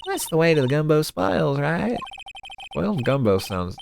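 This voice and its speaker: A woman's voice: deep voice, moderate pace, vocal fry, slight background noise. A woman doing casual, sweary game commentary and reading dialogue aloud as she plays. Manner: sweary, animated. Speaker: game streamer. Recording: game music behind the voice.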